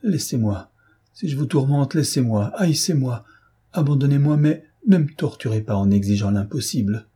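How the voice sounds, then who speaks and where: A heartbroken young woman, distraught and pleading, her anguished words tumbling out in a mellow, husky tone, as a man reads her lines. An audiobook heroine undone by grief. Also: mid-range voice, expressive, normal speed. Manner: anguished, impassioned outbursts.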